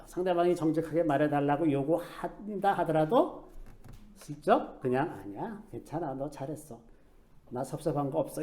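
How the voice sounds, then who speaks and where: Middle-aged guy preaching, chatty storytelling sermon, kinda high but mellow voice. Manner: conversational storytelling sermon, acts out quoted speech softly. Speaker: pastor.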